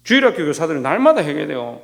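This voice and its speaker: A man's voice: on the high side, very animated, fast talker, gravelly, big-room sound, noisy background. A man, a pastor, preaching a sermon to his congregation. He keeps asking questions and answering them himself, and raises his voice to act out quoted scolding. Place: church sanctuary.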